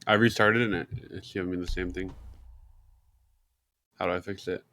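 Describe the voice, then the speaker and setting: A man's voice: deep voice, fairly even intonation, moderate pace, sharp tone, dry recording. A man on a voice call with a friend, chatting casually, bickering and frustrated with his game. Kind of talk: casual chat over voice call.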